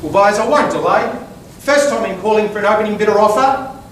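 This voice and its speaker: A man's voice: sits high, expressive, a little fast, a bit bright. Aussie guy calling a property auction, repeating numbers, really echoey with a bit of noise. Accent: Australian. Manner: projected, insistent, repetitive number calling with polite "sir". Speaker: real estate auctioneer. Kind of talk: live auction calling, bid patter. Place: live auction before bidders. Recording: echoey, distant mic, faint background noise.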